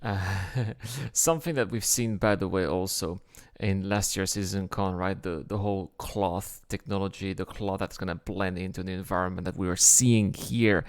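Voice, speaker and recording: A man's voice: deep voice, fairly even intonation, normal speed. A tired man hosting a late-night livestream, chatting casually and talking straight to his viewers. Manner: chatty, addresses the viewers directly. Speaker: livestream host.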